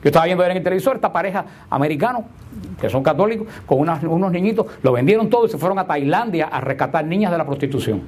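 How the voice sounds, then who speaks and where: A male preacher gives a homily to his congregation in a slightly higher-than-usual voice. He leans on repeated rhetorical questions, slowing to stress key words and then rushing through asides. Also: expressive, a little mellow. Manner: emphatic, repeats rhetorical questions, shifts between slow stress and quick asides.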